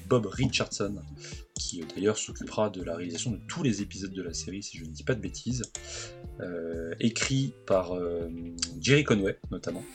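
A man speaking as a guest on a casual podcast, enthusiastic and full of hesitations as he recalls details. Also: sits low. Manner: enthusiastic, lots of filler hesitations.

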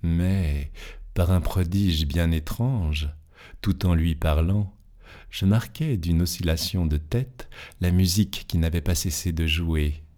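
A man reading a classic fantastic tale aloud in a measured, expressive way, lingering over descriptions. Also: sits low. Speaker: narrator.

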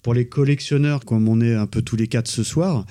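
A man's voice: mid-range voice, fairly even intonation, normal speed, warm tone. A man in his forties hosting a casual, conversational panel discussion. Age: 40s. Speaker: host.

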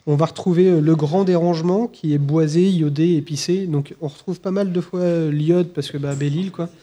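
Hesitant man with a dark tone. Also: a little high, steady tone, normal speed. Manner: hesitant, many fillers and restarts. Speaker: podcast co-host presenting whiskies. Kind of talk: casual live podcast chat. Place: live event recording.

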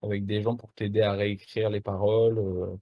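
A young man with a slightly low voice chats casually as a guest on a morning stream. He talks in a relaxed, slangy way, stopping and restarting often with lots of fillers. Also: fairly quick, muffled recording. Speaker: musician guest. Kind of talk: casual interview chat.

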